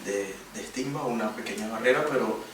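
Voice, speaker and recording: A man speaking as a guest on a round-table panel, telling about his work as an athlete in a lively, animated way. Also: lowish voice, brisk. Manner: lively, animated storytelling with laughter. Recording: echoey room, distant mic, noisy.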